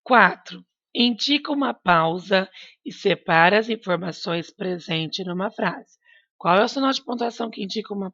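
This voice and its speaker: A woman's voice: mid-range voice, fairly bright tone, no room sound, dull audio. A woman teacher giving a recorded lesson to young pupils, patient and coaxing, asking them questions and repeating her prompts. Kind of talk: recorded remote class lesson.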